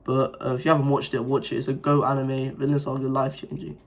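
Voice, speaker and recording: He's a young self-improvement vlogger with a sore throat from being ill recently. His medium-pitched voice is creaky, quick and fairly flat as he rambles earnestly through a casual motivational talk to camera, with many fillers and restarts.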